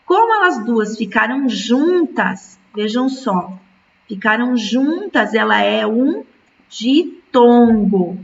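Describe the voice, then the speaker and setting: A woman's voice: on the high side, animated, slow pace, gravelly, far from the mic, muffled recording, a little hiss or hum. A woman teaching a school lesson, patiently stretching words out syllable by syllable. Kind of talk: recorded remote school lesson.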